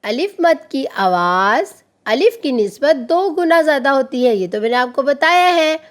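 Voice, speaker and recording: A woman teacher giving a children's reading lesson. She sounds out letters slowly, draws out the vowels and calls on the class to repeat after her. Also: high voice, very animated.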